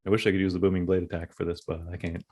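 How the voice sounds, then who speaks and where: A man with a somewhat low voice plays a tabletop game. He talks in an easy, conversational way about moves and rolls. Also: flat delivery, racing, dark tone, slightly rough. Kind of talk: casual game-table chat.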